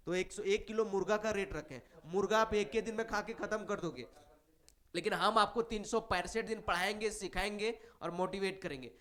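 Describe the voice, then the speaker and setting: A man's voice: high-pitched, fairly bright tone. A male chemistry teacher, talking casually and persuasively to students while a little unwell. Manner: chatty, colloquial, playful and persuasive. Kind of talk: casual promotional talk to students.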